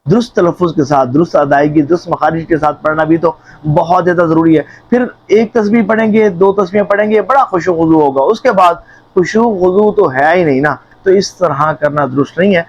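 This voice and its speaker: A man's voice: fairly high pitch, dry recording. A male preacher giving an earnest devotional sermon, repeating points for emphasis and addressing listeners as brothers. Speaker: religious preacher. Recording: dull lo-fi recording.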